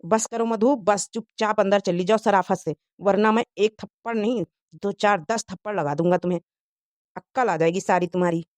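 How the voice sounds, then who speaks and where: A woman's voice: mid-range voice, moderate pace, darkish tone, no room sound, natural voice. Woman voicing a harsh, scolding young husband. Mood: angry threats. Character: stern young husband, quick to threaten. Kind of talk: Hindi cartoon moral-story dub.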